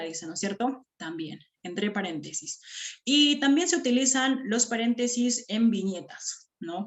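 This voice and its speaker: A woman teaching a grammar lesson, often stopping to check that the listener follows. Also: a little high. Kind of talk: explaining a grammar lesson over slides.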